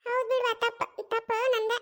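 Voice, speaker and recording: A performer voicing a stubborn, scolding older mother-in-law in a cartoon, speaking with a North Karnataka Kannada accent and drawn-out retorts. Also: very high voice, level tone. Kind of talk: cartoon voice acting.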